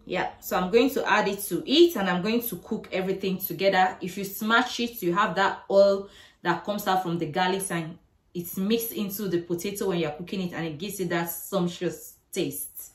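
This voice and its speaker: A woman's voice: lowish voice, moderate pace. Chatty woman in an echoey kitchen. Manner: chatty step-by-step explaining. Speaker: cooking vlogger. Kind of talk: casual cooking demonstration. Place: home kitchen. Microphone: camera across the kitchen. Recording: echoey kitchen, faint noise.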